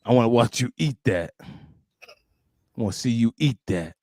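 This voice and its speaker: A blunt, animated man trades jokes and opinions in a casual chat. His pitch rises and falls freely around a middle register, and the sound is close and dry. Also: moderate pace, no echo. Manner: animated, blunt, joking and swearing. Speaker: co-host and wrestling fan.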